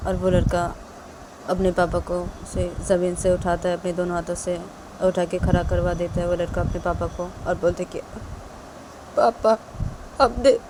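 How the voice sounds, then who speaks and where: A woman's voice: fairly low pitch, background noise. A woman narrating a romantic story in a casual way, linking scenes with simple repeated phrases. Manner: soft, plain, repetitive linking phrases.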